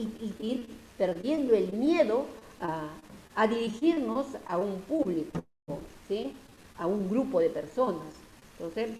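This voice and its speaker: Peruvian teacher explaining in an echoey room. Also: female voice, mid-range voice, mellow, a little hiss or hum. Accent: Peruvian Spanish. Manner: explanatory, many fillers and tag questions. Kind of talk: online class lecture. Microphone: video call.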